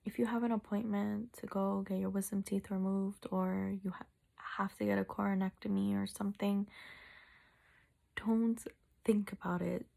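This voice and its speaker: A tired woman chatting casually in a personal vlog, halting and sore-mouthed as she recovers from wisdom teeth removal. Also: medium pitch, steady tone, gravelly, warm tone. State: sore mouth, recovering two days after wisdom tooth surgery. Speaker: vlogger.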